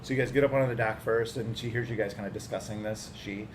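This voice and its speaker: A man's voice: lowish voice, fairly even intonation, fast. A man narrating as game master, describing scenes casually with fillers. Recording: echoey room with background noise.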